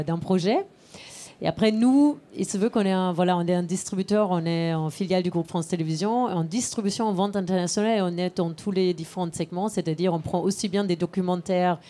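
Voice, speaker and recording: A woman's voice: mid-range voice, dark tone. A woman speaking as a panelist, explaining her professional criteria in an unscripted way. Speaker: panelist, international film and TV distributor.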